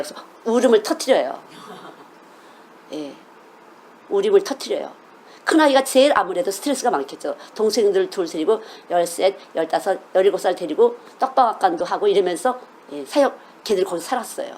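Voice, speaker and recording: A woman's voice: medium pitch, sing-song, brisk, slight background noise. A middle-aged woman preaching a sermon as a children's missionary, earnest and emphatic, often asking her listeners questions.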